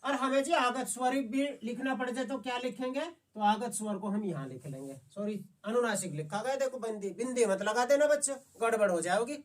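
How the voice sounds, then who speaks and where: Speaking fairly quickly with hardly any pauses, a man with an extremely high pitch leads a Hindi exam-prep class, caught on a distant mic. He quizzes the students, answers his own questions, and in a coaxing way keeps asking "समझ गए बच्चे?".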